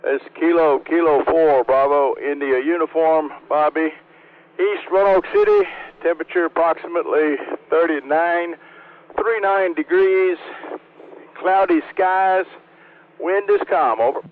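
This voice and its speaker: A man checking in to an amateur radio net, giving a radio-room report in deliberate, clipped phrases over a radio link. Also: fairly high pitch, steady tone, a little hiss or hum. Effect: radio transmission. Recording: tinny narrow-band radio link.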